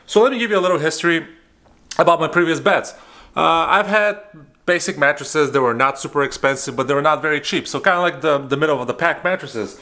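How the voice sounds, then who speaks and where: A man's voice: a little high, brisk, bright, forceful tone. A man in his thirties giving a casual, rambling product review at home in his apartment, with lots of fillers and restarts. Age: 30s. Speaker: vlogger.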